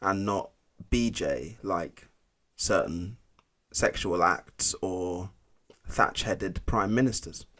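A man's voice: deep voice, slow, a bit bright. A man who drops his T's, presenting a scripted podcast introduction as its playful host.

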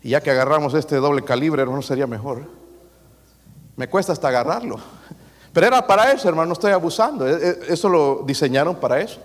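Male pastor, sermon, emphatic, joking, slightly high voice, reverberant hall. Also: lively intonation, fast talker. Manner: joking, emphatic preaching with acted-out quotes.

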